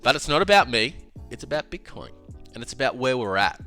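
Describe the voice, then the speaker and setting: A crypto trading educator talks about trading in a solo video, his medium-pitched voice stuffed-up and slightly nasal, moving at a fairly quick pace over soft background music. He's casual yet animated and emphatic, with filler words and restarts.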